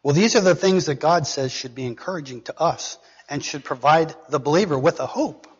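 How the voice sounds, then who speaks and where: A man preaching a sermon as pastor, earnestly reading scripture aloud with pauses. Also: fairly high pitch, slightly rough. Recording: dull recording with long reverb.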